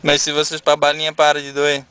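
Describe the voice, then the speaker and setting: A man talking with his young sons in a casual home video, gently coaxing and teasing them with questions. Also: fairly high pitch, monotone, fast talker, clean tone.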